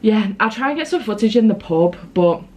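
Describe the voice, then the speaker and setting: A woman's voice: mid-range voice, lively intonation, fairly quick, darkish tone, a little hiss or hum. A British woman chatting casually to camera as a book vlogger, rambling along with self-aware asides.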